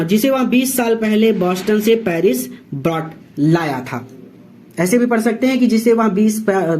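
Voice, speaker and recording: Teacher slowly translating English lines. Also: mid-range voice, darkish tone. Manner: repeats and rephrases explanations. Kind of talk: class lesson explanation.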